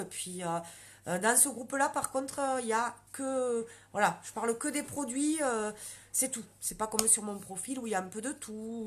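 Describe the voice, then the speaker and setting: A woman with a southwestern French accent, chatting casually on a makeup live stream and answering viewer comments. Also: a little high. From Lot, southwestern France.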